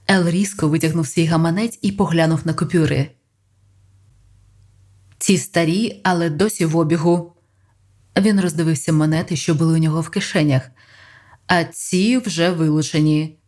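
An audiobook reader giving scripted narration in a measured, even way. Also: mid-range voice.

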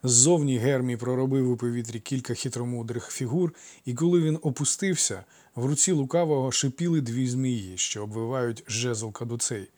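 Male audiobook narrator, measured and expressive. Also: medium pitch, no echo.

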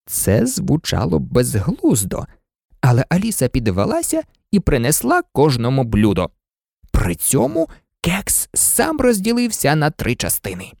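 Male storybook reader, very animated, gravelly tone, dry close sound. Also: on the high side, measured pace, dry recording. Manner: animated, swooping up and down. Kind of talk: expressive storybook narration.

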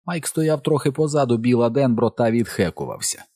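A man narrating an audiobook in a measured, steady storytelling manner. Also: medium pitch, breathy edge, dry recording, studio quality. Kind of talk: scripted narration.

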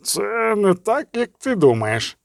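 A man voicing an old, gentle mentor in an audiobook, speaking slowly and in a fatherly way. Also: sits high, very animated, vocal fry, no echo, clean studio sound, voice pushed up, full character voice. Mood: earnest.

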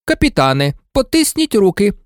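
A man's voice: high voice, sing-song, moderate pace, dry recording, clean studio sound, pitched above the performer's own voice. A man reading an audiobook, voicing a strict, commanding woman referee and teacher. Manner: sharp, commanding. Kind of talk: audiobook character voice.

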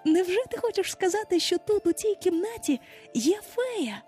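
Eager, questioning little girl, read by a woman narrator. She is very high and lively. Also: moderate pace, faint music behind. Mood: curious. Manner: wide-eyed, full of questions. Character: curious, eager young girl.

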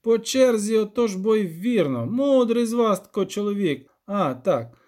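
A man voicing a gruff, hesitant peasant village elder who rambles in folksy country speech. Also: high voice, very animated, moderate pace, darkish tone, pitched above the performer's own voice. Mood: rambling.

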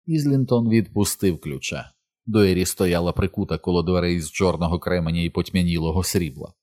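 Male narrator, audiobook reading, very low voice, even and unhurried.

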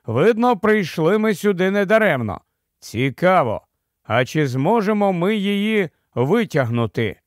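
A man reading the part of a bold, enthusiastic young king in a storybook, speaking with excitement. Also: high voice, unhurried, no room sound, clean studio sound. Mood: excited.

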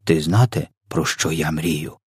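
A man voicing a kind, gentle male giant who speaks softly with mixed-up words and grammar. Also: a bass voice, measured pace, breathy edge, dry recording, studio quality, pitched below the performer's own voice, heavily acted. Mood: dreamy.

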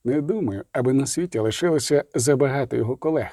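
A man voicing a calm, terse male monster hunter in an audiobook, speaking coolly and measured. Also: medium pitch, no echo, clean studio sound, close to an everyday voice.

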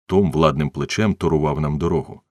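A man narrating a novel as an audiobook reader, in an expressive storytelling manner. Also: rumbling low, brisk, dry recording, clean studio sound.

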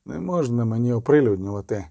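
A man's voice: medium pitch, big pitch swings, moderate pace, dark tone, dry recording, studio quality. A man voicing a grim, terse male witcher who mutters his lines.

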